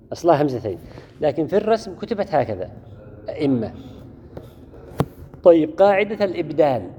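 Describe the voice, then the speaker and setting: A man's voice: fairly high pitch, warm tone, a little hiss or hum. A man teaching a class, repeating key words and putting questions to his students. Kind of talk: classroom lesson on Quran orthography. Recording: dull lo-fi recording in a reverberant hall.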